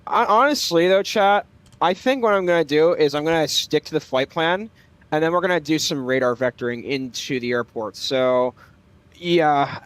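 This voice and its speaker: Man, flight sim streamer, clear smooth voice, casual, hesitant, thinking aloud. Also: on the high side. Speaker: flight simulator livestreamer. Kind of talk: casual livestream commentary with pilot radio calls.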